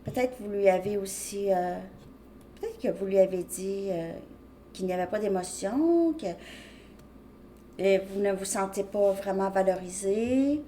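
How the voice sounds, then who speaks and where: A woman speaks at an ordinary middle pitch as she gives a casual tarot reading to her viewers. Her speech is loose and rambling, full of small restarts. A faint hum of room ambience sits beneath her voice. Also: unhurried, mellow. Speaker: tarot reader.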